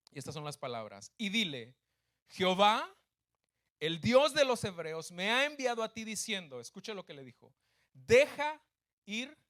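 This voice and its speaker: Pastor, man with a high voice, preaching a sermon in church, emphatic and repetitive, keeps asking the congregation questions. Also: a bit bright. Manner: emphatic, repeats key phrases, asks the congregation questions.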